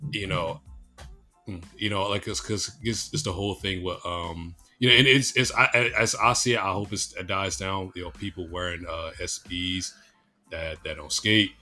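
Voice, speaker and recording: A young man co-hosting a casual podcast who talks haltingly, repeating words as he searches for them. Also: sits low, steady tone, pushed and bright, soft background music. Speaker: podcast co-host. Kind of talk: casual chat.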